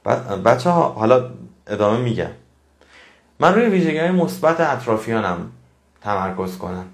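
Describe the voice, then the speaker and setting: An earnest male motivational speaker talks straight to his audience, preaching and repeating phrases to drive home a point. His mid-pitched voice sounds roomy, with a clear echo around it. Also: big pitch swings.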